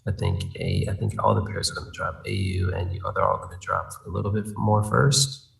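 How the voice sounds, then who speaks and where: A man's voice: low voice, very animated, brisk, gravelly, fairly bright tone, recorded from a distance, low-quality recording. A man in a live trade room, thinking aloud about trades in a hesitant, casual way. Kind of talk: casual live trading chat.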